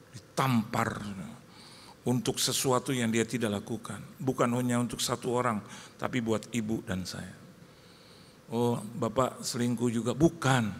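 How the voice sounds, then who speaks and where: Male pastor, chatty storytelling sermon, mid voice, long hall echo, faint room hum. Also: mid-range voice. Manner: conversational storytelling, acting out dialogue. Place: large church hall. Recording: church hall reverb, faint ambience.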